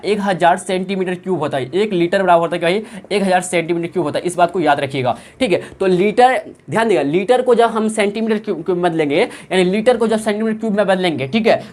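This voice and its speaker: A woman math teacher with a Bihari Hindi accent, working through sums in a classroom lesson and answering her own repeated questions. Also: medium pitch. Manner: asks questions and answers them herself, repeats every step.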